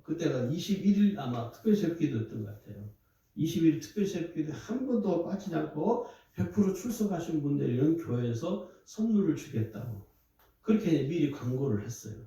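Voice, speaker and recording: Male pastor, sermon delivery, animated pitch, slightly high; distant mic in a very echoey hall. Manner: storytelling, conversational with rising emphatic bursts.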